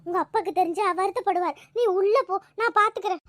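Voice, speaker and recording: A sharp-tongued old village grandmother from a cartoon, voiced by a woman, grumbling and scolding. The voice sits very high and squeaky. It is recorded dry and close, with no room sound. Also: quick pace, no room sound. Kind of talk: cartoon voice acting.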